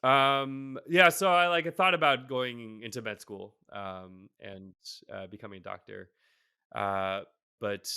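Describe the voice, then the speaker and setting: A man's voice: mid-range voice, sharp tone, smooth, no room sound, clean studio sound. A man in his thirties from the Boston area, chatting casually as a guest on a video call, rambling with many fillers and self-deprecating laughs. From Boston area, USA. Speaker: guest, tech CTO. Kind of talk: casual interview. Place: home room, on a video call.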